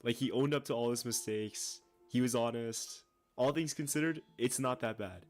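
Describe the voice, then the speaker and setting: A man's voice: mid-range voice, moderate pace, soft background music. A young man giving casual online commentary in a slangy, incredulous way.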